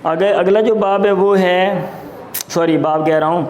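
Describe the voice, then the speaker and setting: A male teacher lectures a class and goes through terms one at a time. His voice sits a little high, and he repeats each word slowly. The room is echoey, with a faint hum underneath. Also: fairly even intonation, a little mellow. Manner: explains words slowly, repeating terms, mixes in Punjabi asides. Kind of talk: classroom lecture explaining vocabulary.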